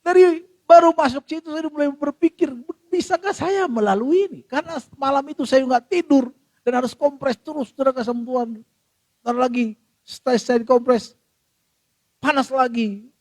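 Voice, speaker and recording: Addressing his congregation again and again, a middle-aged pastor tells a personal story with emotion, his volume rising loud and dropping hushed. He speaks at normal speed in a very high voice, and there's no echo.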